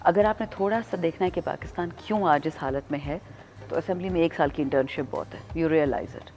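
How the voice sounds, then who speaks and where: A woman from Pakistan, a politician, chatting as a guest in an interview, freely mixing Urdu and English in an animated, self-mocking way. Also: low voice, faint music behind. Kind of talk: casual interview chat.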